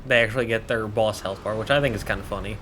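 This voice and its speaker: A man's voice: on the low side, steady tone, quick pace, fairly bright tone, a little hiss or hum. A man giving casual, joking commentary as he plays through a game. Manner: chatty, joking asides. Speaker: gameplay commentator.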